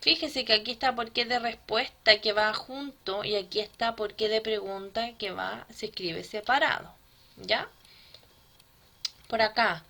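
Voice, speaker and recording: A woman teaching a grammar lesson to children, patient and often checking with a quick "¿ya?". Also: fairly high pitch, pushed and bright, slight background noise.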